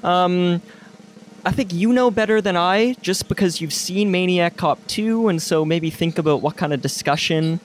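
A man's voice: sits high, moderate pace. A man co-hosting a podcast in casual chat, rambling with restarts and laughing often. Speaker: podcast co-host.

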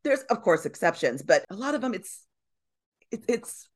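A woman on a podcast as a guest and dramaturg, telling lively stories about stage and film. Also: mid-range voice, normal speed, husky. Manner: animated storyteller, acts out quotes. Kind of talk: casual chat.

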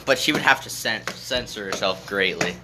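A man's voice: lowish voice, animated, moderate pace. A young man co-hosting a casual podcast chat, easygoing and laughing along. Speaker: podcast co-host. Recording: noisy podcast recording.

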